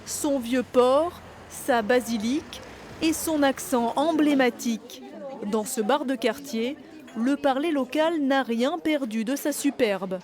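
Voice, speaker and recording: A woman's voice: high-pitched, takes it slowly, darkish tone. A woman reads a scripted voice-over for a news report. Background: background music.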